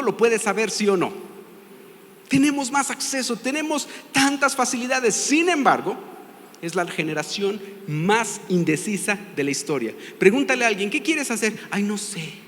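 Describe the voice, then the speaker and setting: A man's voice: very high-pitched, a bit bright. A pastor with a Mexican accent preaching a sermon, stressing his points and putting questions to the congregation. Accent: Mexican Spanish. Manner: emphatic, asks the congregation questions. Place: church sanctuary. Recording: long reverb of a large hall.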